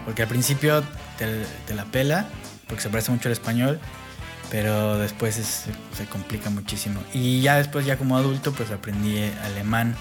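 Bilingual male podcast co-host, Mexican accent, mid-range voice, conversational, clear music bed. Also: mid-range voice, moderate pace. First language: bilingual English and Spanish. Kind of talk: casual podcast chat.

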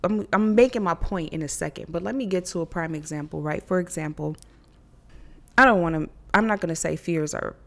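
This podcast host is a young woman with a gravelly, low-leaning voice and a brisk delivery. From her living room, handheld mic in hand, she chats candidly on her own, cursing freely and breaking into laughter often.

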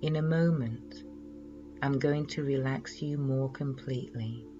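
A man leading a guided relaxation in a slow, soothing hypnotist's manner, measured and full of pauses. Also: mid-range voice, fairly even intonation, muffled recording, music in the background.

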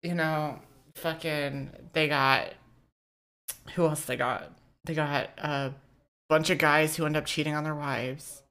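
A woman's voice: sits low, fairly even intonation, slow, a bit bright. A woman co-hosting a casual comedy chat, swearing freely and joking in loose rants. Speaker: co-host.

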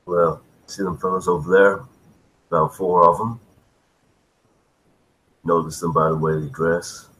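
A man's voice: low voice, steady tone, measured pace, long pauses, a bit bright, low-quality recording. A man voicing a wary saloon barman with folksy western phrasing in a tabletop game. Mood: wary advice. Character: male saloon barman, low-key, warning of danger.

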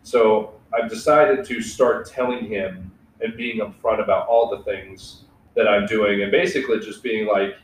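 A man's voice: fairly low pitch, fairly even intonation, normal speed, recorded from a distance, slight background noise. A young man hosting a casual podcast, talking candidly and reflectively, swearing freely and leaning on filler words. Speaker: podcast host. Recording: echoey room, away from mic.

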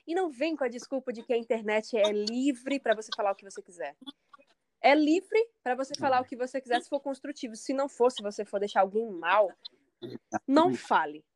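A woman's voice: on the high side, brisk, darkish tone, no echo. Candid Brazilian woman singer, dry sound. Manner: candid, emphatic, acts out others' comments. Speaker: singer being interviewed. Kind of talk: casual interview talk.

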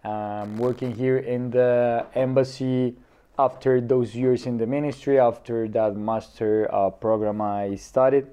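A man of thirty from Colombia, a guest in a casual interview, talking with many pauses and fillers. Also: medium pitch, level tone, warm tone, smooth, lo-fi sound. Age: 30s.

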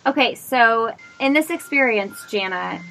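A woman's voice: fairly high pitch, animated, a little slow, gravelly, fairly bright tone, slight background noise. A woman hosting a podcast, asking curious, teasing questions and laughing easily. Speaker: podcast host. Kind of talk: casual interview chat.

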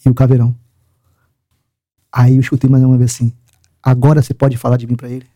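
Dark-voiced man giving testimony. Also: monotone, fast talker. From Rio de Janeiro, Brazil. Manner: emphatic storyteller who acts out dialogue and drops very low in emotional moments. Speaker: interview guest, military police sergeant. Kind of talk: personal faith testimony in an interview.

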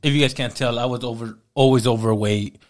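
Brisk and mid-range in voice, a man in his thirties relates his life story as an interview guest. The tone is casual and animated, with a lot of dialogue acted out.

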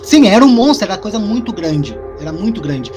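A man co-hosting a podcast, telling a personal story in casual, animated, profane chat. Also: high voice, a little fast, over music.

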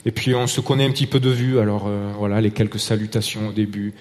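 A man preaching a sermon in a relaxed, conversational way. He tells stories, hesitates and restarts, and speaks French with a foreign accent. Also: on the low side, fast talker, in a large hall.

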